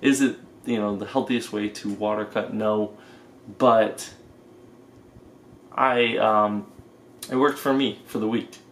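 A man's voice: fairly low pitch, fairly even intonation, takes it slowly, pauses often. A young man in his twenties vlogging casually to camera, chatty and joking with loose rambling talk. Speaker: vlogger and powerlifter.

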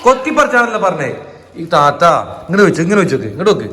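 A man's voice: sits high, big pitch swings, racing, pushed and bright. A young father, playfully coaxing his children in a casual family vlog. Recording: echoey room with background noise.

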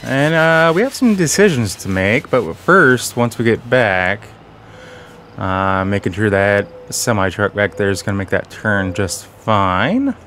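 A man's voice: fairly low pitch, animated, a little slow, a bit bright, a little hiss or hum. A man hosting casual game commentary, talking slightly off as he guards a sore, bitten tongue. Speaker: gaming channel host.

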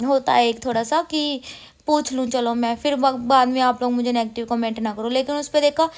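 A woman's voice: high voice, steady tone, moderate pace. A woman in her thirties from India, chatting casually at home about her day as she does chores, rambling and often correcting herself. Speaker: vlogger. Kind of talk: casual chat while doing chores.

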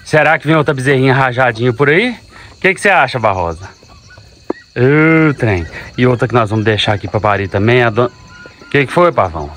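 Speaking fairly quickly in an animated, fairly bright medium-pitched voice, this dairy farmer fondly chats with his cows for a casual farm vlog. There's a little hiss or hum on the recording. Outdoors on the cattle farm, faint animal, bird and insect sounds carry in the background.

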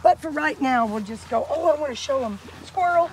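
A woman's voice: lively intonation, a little fast, a little mellow. A woman, chatting casually on her farm and cooing at her birds. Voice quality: hoarse. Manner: chatty, coos high at animals. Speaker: farm vlogger. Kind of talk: casual farm vlog narration. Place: outdoor farmyard. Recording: noisy outdoor farm, chickens clucking. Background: chickens and rooster.

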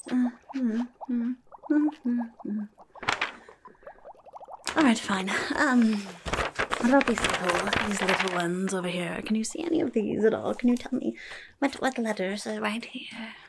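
Whispering breathily into a close mic, a young woman plays a snippy, impatient goblin nurse in ASMR roleplay, muttering and grudgingly saying things twice. Her voice is a little high and a little slow, and the recording is very noisy.

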